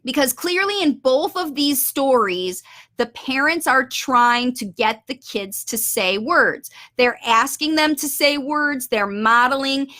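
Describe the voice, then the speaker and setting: Bright-voiced woman coaching parents. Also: high voice, animated, takes it slowly. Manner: explains patiently, reads questions and corrects them aloud. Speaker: parent coach answering questions. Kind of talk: video Q&A, reading parent questions aloud and commenting. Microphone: webcam on a video call.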